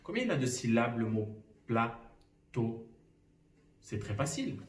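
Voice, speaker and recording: A male teacher giving a lesson from home to young children, speaking slowly and clearly and sounding out syllables. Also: medium pitch, sing-song, a little mellow. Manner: slow and clearly articulated, clapping out syllables. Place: a room at home. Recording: roomy echo, somewhat far from the mic.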